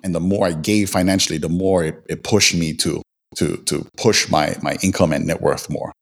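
A man's voice: deep voice, steady tone, moderate pace, creaky, slightly rough. A man being interviewed in casual talk, often restarting and repeating words as he goes. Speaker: podcast guest.

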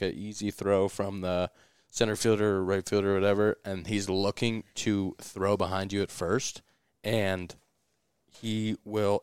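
A man's voice: fairly low pitch, smooth, no echo, clean studio sound. A man hosting a casual podcast chat in person, talking in an easygoing, rambling way. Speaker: podcast host and pro baseball player. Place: studio, in person.

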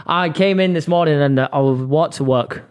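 A man hosting a relaxed studio podcast, talking into a close mic in a slightly high voice. He swears freely, laughs a lot and keeps the banter teasing and loose with his guest. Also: moderate pace, smooth. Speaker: podcast host and studio boss. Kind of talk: casual podcast chat.

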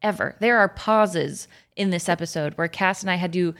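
A woman's voice: on the low side, moderate pace, a bit bright. Sassy, playful woman bantering on a podcast. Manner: playful and sassy, campy slang; giggly, often laughing while talking. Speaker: podcast co-host.

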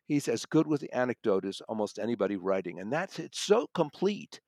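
Very animated and fairly quick, this audiobook reviewer and magazine contributor has a medium-pitched, darkish-toned voice. He is thoughtful, emphatic and conversational, often revising his own words, in a clean studio recording without echo.

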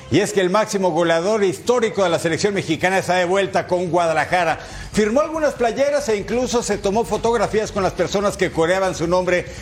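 A man presenting sports highlights with energetic, emphatic commentary. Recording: music underneath.

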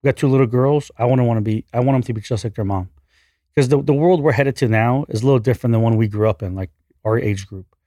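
A man's voice: medium pitch, fast, warm tone, no echo, clean studio sound. A man interview guest who speaks brashly and with great enthusiasm. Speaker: podcast guest, entrepreneur. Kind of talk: candid interview conversation.

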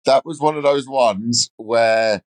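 A man's voice: medium pitch, takes it slowly. A young man chatting with his father on a podcast, laughing and swearing casually. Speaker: guest, host's son. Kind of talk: casual chat.

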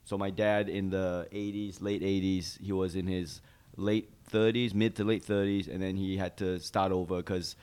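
A man's voice: sits low, flat delivery, normal speed, a little mellow, clear, resonant tone. A man in his thirties from Malaysia, a guest comedian telling his life story in a casual podcast interview, rambling with many fillers and restarts.

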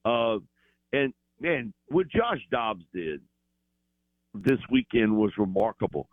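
A man calling in as a football analyst, talking in an animated, rambling way with fillers over a phone line. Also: lowish voice, takes it slowly, no echo.

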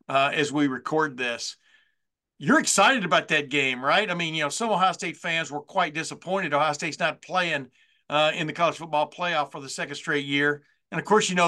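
A man's voice: fairly high pitch, pushed and bright. A man in his sixties hosting a sports talk show, chatting in a rambling way with plenty of fillers and restarts. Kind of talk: casual sports interview.

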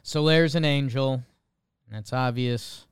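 A man's voice: mid-range voice, takes it slowly, clean tone, no room sound, clean studio sound. A man hosting a sports show in a casual, chatty style. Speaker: sports podcast host. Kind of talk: casual sports betting chat.

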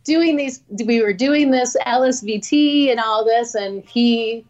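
Woman, interview guest, high-ish voice, chatty, frank, laughs a lot. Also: unhurried, a little mellow, dull audio. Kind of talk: casual interview storytelling.

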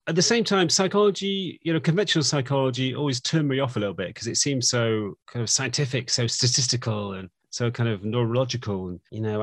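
A man's voice: mid-range voice, no echo. A man, a psychology lecturer answering interview questions in a reflective, rambling way with many fillers. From England. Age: 50s. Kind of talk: interview conversation.

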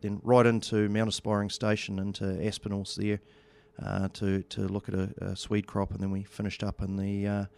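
A male guest from an agricultural seed company speaks in a casual radio studio interview. He has a New Zealand accent and a lowish, smooth voice, and his colloquial delivery is halting and understated.

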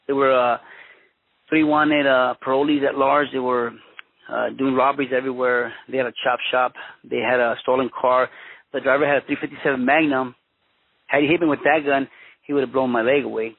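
A man in his fifties, born in Mexico and raised in Los Angeles, telling his own story as a former police officer, halting and restarting often. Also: mid-range voice, fairly even intonation, creaky, slightly rough, dry recording. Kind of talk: personal storytelling interview. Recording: tinny phone-line audio.

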